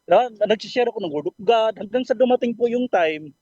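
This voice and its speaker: Guy telling his testimony on church radio, high voice, kinda muffled dull sound. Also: animated, a little fast, darkish tone, no echo. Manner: earnest, polite, with frequent fillers and self-corrections. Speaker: caller sharing a testimony.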